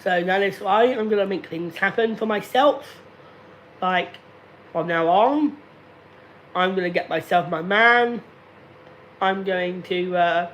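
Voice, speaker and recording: A man in his late thirties talking slowly and deliberately to viewers on a casual live stream, repeating himself often. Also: high-pitched, fairly bright tone, highs cut off, slight background noise. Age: 30s. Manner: slow, deliberate and repetitive. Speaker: livestreamer.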